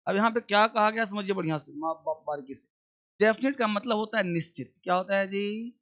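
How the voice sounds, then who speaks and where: A male teacher with a Hindi accent giving a classroom grammar lecture. He dictates notes, keeps checking with students, and repeats example sentences slowly. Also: sits high, a bit bright, lo-fi sound.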